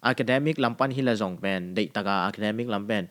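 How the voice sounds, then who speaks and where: This podcast host's voice is lowish and fairly bright, and he keeps a moderate pace. Chatting casually during an interview, he offers advice eagerly, dropping in bits of English as he goes.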